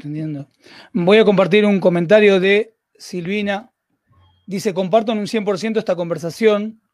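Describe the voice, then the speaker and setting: A man's voice: high-pitched, moderate pace, dry recording, studio quality. A man with a Rioplatense Spanish accent hosting a live interview, chatting and reading out viewer comments. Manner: conversational, reads viewer comments. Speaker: host.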